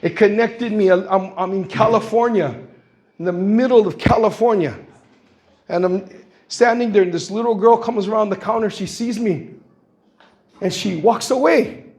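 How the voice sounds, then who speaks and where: Speaking at a moderate pace in a high, slightly mellow voice, this Guamanian man in his sixties gives impassioned public comment at a forum in a meeting hall. He tells stories and acts out the voices he quotes.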